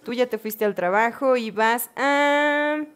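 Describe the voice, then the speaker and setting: A woman giving casual let's-play commentary, chatting to her game characters with bursts of excited exclamations. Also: fairly high pitch, takes it slowly, clean tone. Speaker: gaming channel host.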